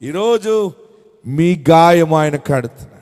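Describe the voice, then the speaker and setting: A male pastor preaching a sermon, leading his congregation in call-and-response and stretching key phrases out slowly for emphasis. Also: a little high, expressive, darkish tone. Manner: slow emphatic repetition of phrases, urging the congregation on. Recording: long hall reverb.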